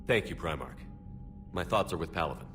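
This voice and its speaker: A human starship commander with a very low, steady voice. He is serious, plain-spoken and authoritative in a video game drama, with music playing clearly behind him. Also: a little fast. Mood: sober, sympathetic.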